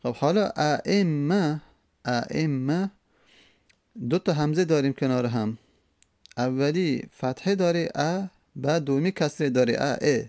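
A man with a gravelly, rough-edged voice explains grammar rules in a lesson. He talks slowly and repeats examples sound by sound, often pausing with drawn-out fillers. The recording is close and dry, with no room echo. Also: a little high, a little mellow. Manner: slow, repeating each example syllable by syllable; hesitant, many drawn-out fillers. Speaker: teacher. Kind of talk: explaining an Arabic grammar text.

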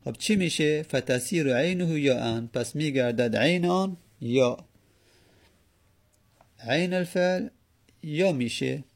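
Gravelly man teaching Arabic grammar. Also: on the high side. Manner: patient, repeats words, sounds out examples slowly. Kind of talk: explaining Arabic grammar in Persian.

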